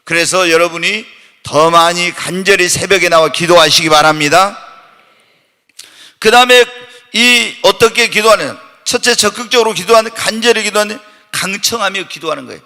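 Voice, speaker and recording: A man preaches in a church sanctuary with a long hall reverb trailing his words. His voice sits high for a man and sounds sharp and bright, and he peppers the congregation with rhetorical questions and now and then shouts for emphasis. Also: moderate pace. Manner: bursts into loud, shouted emphasis. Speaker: pastor. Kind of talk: Korean evening church sermon. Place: church sanctuary during a Wednesday night service.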